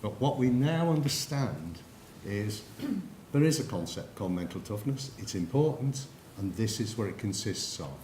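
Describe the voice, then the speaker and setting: An English man delivers a presentation in a lecture hall, turning to the audience with questions and stories. His voice sits a little low, and the room rings with echo under a faint hiss. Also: animated, moderate pace, hardly any pauses, a little mellow. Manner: anecdotal, addresses the audience directly. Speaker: conference speaker.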